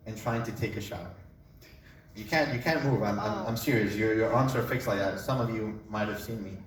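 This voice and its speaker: A young man from Colombia giving a casual personal testimony, a relaxed storyteller who jokes as he talks. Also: on the low side, a little fast, distant mic. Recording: echoey room, voice away from mic.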